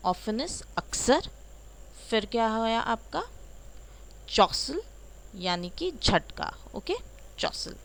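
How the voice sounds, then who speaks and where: A woman's voice: medium pitch, vocal fry, a bit bright, rough recording. A woman teaching a spoken English lesson, saying each word and then giving its Hindi meaning.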